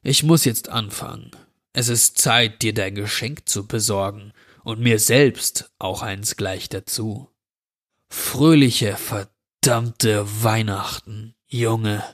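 A man voicing a menacing male intruder who grants children's wishes, speaking slowly with a drawl. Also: lowish voice, fairly bright tone. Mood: cold. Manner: slow, drawling, sinister.

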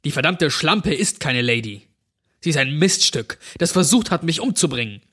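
A bullying teenage boy in a rage, hurling insults, as a male narrator plays him. His voice is raised and shouting, and it jumps higher in pitch than the narrator's own. The delivery is hostile and aggressive. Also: animated, moderate pace, breathy edge. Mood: furious.

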